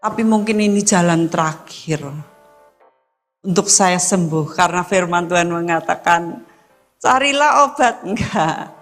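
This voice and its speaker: A woman pastor preaching a sermon, telling a personal story with Javanese phrases, emphatic and swinging between loud stresses and hushed asides. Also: on the low side, unhurried, pauses often, faint music behind.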